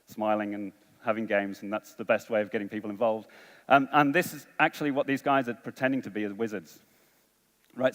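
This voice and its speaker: A man's voice: mid-range voice, a bit bright. A man giving a conference talk, coaxing and rallying a large audience through a game. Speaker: conference speaker. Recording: long hall reverb.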